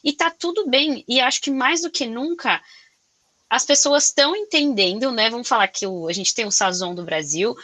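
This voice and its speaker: A Brazilian woman with a Brazilian Portuguese accent, chatting casually in an interview. She talks loudly and expressively and tells her stories in an animated way. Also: fairly high pitch, normal speed, dry recording. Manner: loud, expressive, animated storytelling. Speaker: corporate sales professional.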